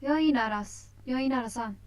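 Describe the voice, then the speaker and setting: A woman acts out a haughty young lady in a visual novel, lifted slightly above everyday pitch. She is prim and proper, with a teasing, aloof air. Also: moderate pace, a little mellow, lightly acted.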